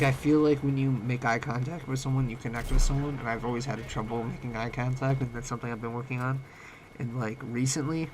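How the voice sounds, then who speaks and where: This young man has a cold, and his slightly mellow, mid-range voice cracks here and there as he vlogs late at night about personal matters. He rambles, pauses and restarts with plenty of fillers, and the poor home-mic audio fluctuates in volume beneath a faint hiss.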